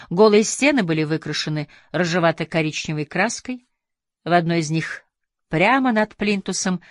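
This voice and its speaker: A woman narrates a novel in a measured, even reading. Her voice is low for a woman and sounds dry and close to the mic. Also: no room sound. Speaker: audiobook reader. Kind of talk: scripted narration.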